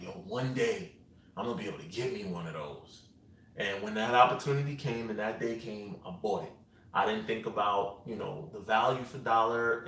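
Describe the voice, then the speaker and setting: A man, hosting a vlog and answering viewer questions in a relaxed, rambling way with lots of fillers. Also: mid-range voice, far from the mic. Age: 30s. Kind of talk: casual live-chat answers. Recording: roomy echo, voice away from the mic.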